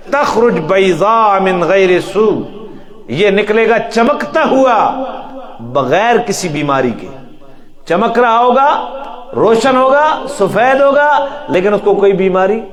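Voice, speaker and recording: High-voiced preacher chanting verses. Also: male voice. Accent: Pakistani Urdu. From Pakistan. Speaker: mosque preacher teaching Quran. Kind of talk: Quran lesson sermon. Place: mosque.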